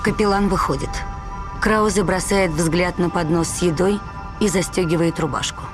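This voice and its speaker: A woman's voice: fairly low pitch, normal speed. A woman reading scripted narration that describes the action of a film. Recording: loud film soundtrack underneath. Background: film music and engine noise.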